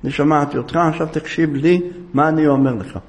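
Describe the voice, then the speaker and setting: A man's voice: a little high, pitched below the performer's own voice, close to an everyday voice. A man voicing a firm, kindly rabbi. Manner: calm, firm, reassuring. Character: strong, kindly male rabbi, calm and firm.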